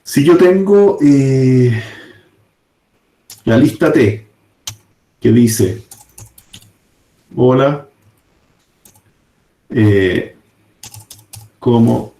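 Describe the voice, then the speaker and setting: A man's voice: mid-range voice, animated, very slow, creaky, long pauses, dark tone. A man teaching a programming class, explaining step by step and often checking in with his students. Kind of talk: live coding class. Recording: echoey room.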